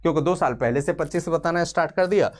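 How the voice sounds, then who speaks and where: A man's voice: a little high, fast. A man in his twenties teaching a maths lesson for exams, chatty and joking, asking questions and then answering them himself. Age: 20s. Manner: chatty and joking, calls viewers friend. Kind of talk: exam-prep lesson.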